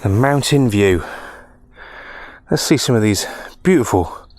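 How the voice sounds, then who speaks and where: Breathless man, slow and wry. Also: fairly low pitch, animated, a little mellow, no room sound. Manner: wry, self-mocking commentary. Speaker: vlogger. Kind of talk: casual outdoor vlog. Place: outdoors on a foggy hill walk.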